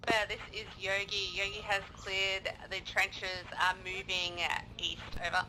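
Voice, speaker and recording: A woman's voice: mid-range voice, monotone, a little slow. A woman giving a clipped military report, heard faintly over a walkie-talkie. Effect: over walkie-talkie radio, faint. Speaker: team leader player. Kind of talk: military radio procedure. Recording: faint noisy radio transmission.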